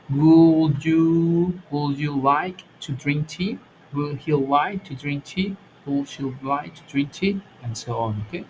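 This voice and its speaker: A man's voice: medium pitch, slight background noise, low-quality recording. Bilingual man teaching English grammar. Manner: explains patiently, switches between Spanish and English, frequent "¿ok?". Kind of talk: online class explanation.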